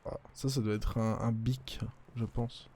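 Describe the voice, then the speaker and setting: A man's voice: medium pitch, level tone, a little mellow, breathy edge. A young man casually commenting as he plays a horror game, muttering to himself and cracking jokes. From France. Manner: chatty, muttering to himself, quick to joke. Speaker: let's play streamer.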